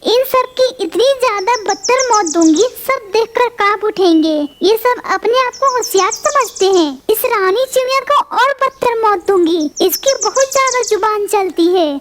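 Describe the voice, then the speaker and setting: A squeaky, very high cartoon parrot girl who snaps and bristles at everyone, voiced by a woman. She talks in a shrill, quarrelsome way. Faint hiss sits under the voice. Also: expressive, normal speed, hardly any pauses, a bit bright. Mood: vengeful. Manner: shrill, snapping and vengeful. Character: quarrelsome hot-tempered female parrot. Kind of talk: cartoon voice acting.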